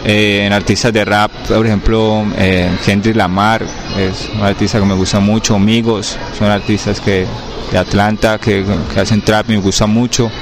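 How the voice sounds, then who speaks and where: A young man from Cali, Colombia, with a Cali accent, answering interview questions in a halting way, often checking that he is understood. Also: on the low side, little pitch movement. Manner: halting, many fillers and restarts, keeps asking "me entendés?". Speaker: rapper being interviewed. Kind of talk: casual interview talk. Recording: street noise with passing vehicles.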